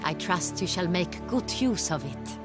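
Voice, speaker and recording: A stately, gracious duchess. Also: female voice, on the low side, expressive, measured pace, over loud music. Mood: gentle. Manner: formal, stately court speech. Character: gracious regal duchess, ruler of a realm.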